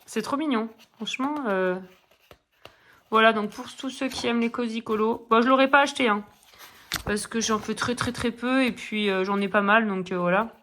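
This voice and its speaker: A woman's voice: fairly high pitch, moderate pace, a bit bright, slight background noise. A middle-aged woman chatting casually in a coloring vlog, rambling with many fillers and restarts. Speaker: coloring vlogger. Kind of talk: casual chat.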